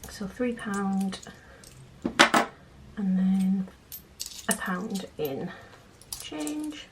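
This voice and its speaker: A young British woman chats casually in a quiet, hushed late-night voice at a medium pitch. She sounds like a home vlogger keeping her volume down. The recording has clear background noise. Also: lively intonation, drawn-out words. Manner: quiet, hushed late-night talking so as not to wake sleeping children. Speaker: vlogger, channel host. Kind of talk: casual budgeting vlog, chatting while counting cash.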